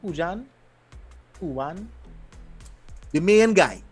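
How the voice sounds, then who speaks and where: Animated man recapping a show. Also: high-pitched, slow, soft background music. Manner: animated, loose storytelling with repeated restarts. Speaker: podcast co-host. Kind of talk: casual show recap chat.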